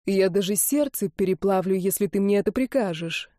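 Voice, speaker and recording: A woman voicing a drunk young man who tenderly and earnestly proposes marriage, read slowly in an audiobook. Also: medium pitch, dark tone, no room sound, clean studio sound, close to an everyday voice.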